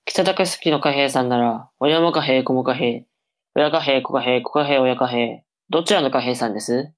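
A woman's voice: rumbling low, moderate pace. A woman voicing a cocky, teasing young older brother in a comic tongue-twister reading drama. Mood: playful.

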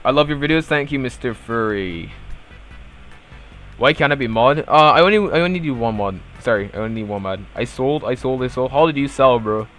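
Faint music sits behind this young Bajan gaming streamer, whose medium-pitched, fairly bright voice moves briskly and with animation. Chatting casually live, he answers viewers in relaxed slang and lets his lines fade into mumbled fillers. He's from Barbados.

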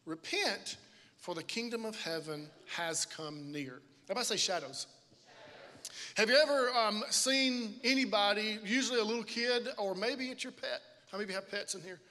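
A male pastor in his thirties preaches from a stage, his voice high and bright, ringing out across a large auditorium with a long reverb tail. He talks into a handheld mic in a loose, joking way and keeps calling out to the congregation. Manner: casual, joking, calls out to the congregation. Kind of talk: sermon. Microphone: handheld microphone.

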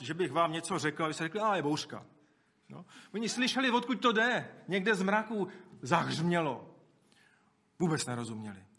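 Bright-voiced male preacher. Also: on the high side. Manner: conversational, with asides to the congregation; acts out quoted speech. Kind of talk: sermon.

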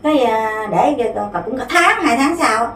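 A woman's voice: fairly high pitch, expressive, normal speed, fairly bright tone, far from the mic. A woman, rambling through her story with many fillers and restarts. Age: 50s. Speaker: interviewee. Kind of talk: casual spoken complaint. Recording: roomy, off-mic, faint background noise.

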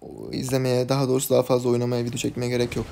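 Frustrated gamer man muttering and yelling. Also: completely flat delivery, very fast, creaky, a little hiss or hum. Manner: frustrated, scolding teammates, swings from low muttering to loud yelling. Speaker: gaming channel host. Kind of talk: live mobile game commentary. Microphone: recorded on a phone.

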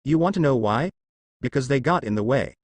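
A man's voice: mid-range voice, expressive, brisk, no echo, natural voice. Azazel, a taunting demon, read by a man. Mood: gloating. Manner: taunting, mocking. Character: gloating, menacing male demon.

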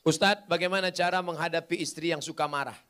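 A man's voice: a little high, fairly even intonation, quick pace, sharp tone. A man preaching to a crowd, answering questions with jokes and building to fervent emphasis. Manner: rising to fervent emphasis, then joking asides. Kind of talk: humorous sermon.

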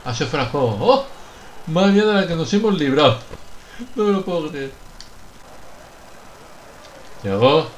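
Young man commentating his own football game, higher voice, faint noise behind, quiet muttering that bursts into shouts. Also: expressive, normal speed. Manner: swings from muttering to shouting at goals. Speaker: gaming youtuber. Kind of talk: excited let's-play commentary.

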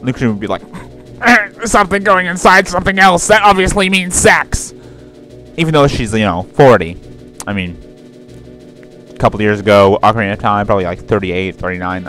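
A man's voice: lowish voice, a bit bright. A man giving casual gameplay commentary, swearing often and rambling in a self-mocking way. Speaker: let's play host.

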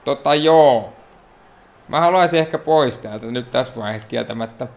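A man from Finland giving excitable, self-mocking let's play commentary on a wrestling game, talking to the characters on screen. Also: mid-range voice, vocal fry. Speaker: gaming YouTuber.

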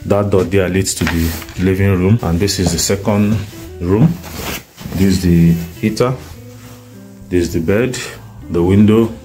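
A man from Nigeria filming a flat on his phone, pointing out each room in a slow, halting way. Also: sits low, faint music behind, rough recording. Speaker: tenant viewing a flat. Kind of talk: casual home tour on phone video. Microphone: phone camera.

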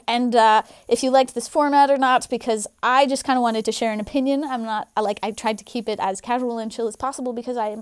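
A young woman with a high, light voice talks casually and earnestly, scattering fillers as she shares an opinion from her living room. The sound is close and dry, with no room echo. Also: a little mellow, smooth. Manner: chatty, filler-heavy, earnest. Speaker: vlogger.

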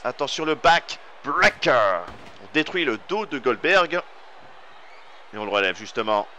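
A man with a French accent giving excited play-by-play commentary over a wrestling video game, rising to shouts on big moves. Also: mid-range voice, a little slow, a little hiss or hum.

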